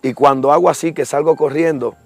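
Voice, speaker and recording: A man's voice: on the high side, steady tone, a little fast, no room sound, soft background music. Earnest man telling his testimony. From Dominican Republic. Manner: earnest storytelling, acts out voices. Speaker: guest giving a testimony. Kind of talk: personal testimony.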